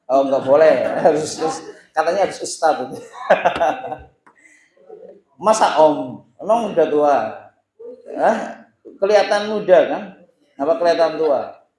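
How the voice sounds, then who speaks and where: A man's voice: on the high side, animated, slow pace, pauses often, a little mellow. A man in his thirties, an Islamic boarding school teacher giving informal advice to students, teasing them with questions and tagging his sentences with "ya". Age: 30s. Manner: playful, teasing the audience with questions; frequent "ya" tags and hesitations. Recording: roomy echo.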